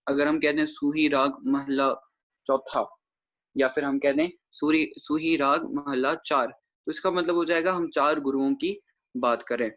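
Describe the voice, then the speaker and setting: Man, online pronunciation lecture, slightly raised pitch, careful syllable-by-syllable delivery, muffled video-call audio. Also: a bit bright. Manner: slow, careful syllable-by-syllable demonstration; addresses the congregation respectfully. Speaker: Gurbani grammar teacher. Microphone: video call microphone.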